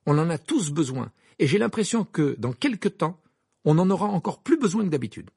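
A man's voice: on the high side, big pitch swings, brisk, gravelly, breathy edge, dry recording, clean studio sound, pitched above the performer's own voice, exaggerated voice. Harry, a firm teenage boy wizard, as a man reads him. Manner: firm, insistent.

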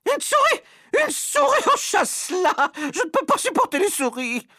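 A man voicing a haughty, shrill woman in a high falsetto. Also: wildly swooping pitch, fairly quick, breathy edge, no echo, studio quality, exaggerated voice. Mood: shrieking. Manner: shrieking, falsetto.

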